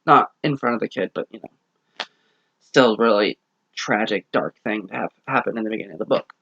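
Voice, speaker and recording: A man's voice: lowish voice, normal speed, creaky, pushed and bright, dull audio. Man rambling through a book review. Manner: rambling plot summary with self-corrections. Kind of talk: casual book review vlog.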